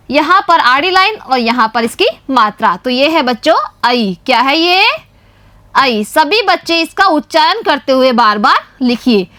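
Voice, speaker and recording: A woman teacher from Rajasthan leads a primary school lesson, talking slowly and patiently to young children. Her voice sits very high. The recording is dry and close, with no room sound. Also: a bit bright, no echo. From Rajasthan, India. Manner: slow, patient, addresses children constantly.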